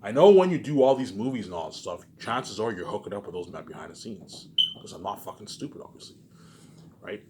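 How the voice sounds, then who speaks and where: A man with a lowish, expressive voice talks a little fast as he rambles casually and repetitively to viewers. He's a vlogger who curses frequently, and his emphatic outbursts fade into mumbled tags. Background noise is clearly present.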